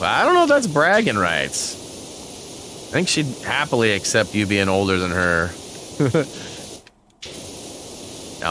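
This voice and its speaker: A man's voice: medium pitch, background noise. A man in his forties chatting casually over gameplay as a channel host, rambling with many fillers and frequent chuckles. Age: 40s.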